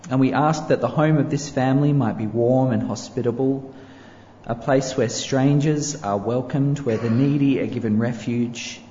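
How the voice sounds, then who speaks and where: A male pastor leads a public prayer in a measured, solemn cadence, his mid-range voice mellow and dark. It echoes through a large church hall with long reverb and faint room ambience, sounding somewhat muffled, with slight background noise.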